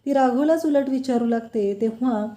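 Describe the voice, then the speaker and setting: A woman retells a serial's episode in a steady storytelling recap. Her voice sits a little high, yet its tone is very dark and mellow. The recording carries a roomy echo. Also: normal speed. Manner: steady retelling that reads characters' lines aloud.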